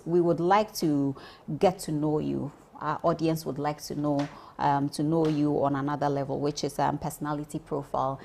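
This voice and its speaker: Woman TV interviewer, low gravelly voice, gushing and warm with guests, lots of ums. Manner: enthusiastic, effusive, many ums. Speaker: TV show host. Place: TV studio.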